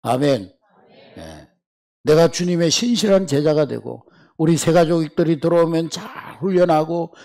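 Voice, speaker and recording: Gravelly man preaching a sermon. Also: on the high side, mellow. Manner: emphatic preaching, often calling out to the congregation. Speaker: pastor.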